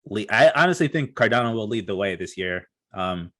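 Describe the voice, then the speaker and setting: Low-voiced guy hyping stuff up on a casual podcast, rambly with lots of ums. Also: animated, a little fast, sharp tone. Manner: enthusiastic, rambling with fillers. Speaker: crypto podcast co-host. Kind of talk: casual chat.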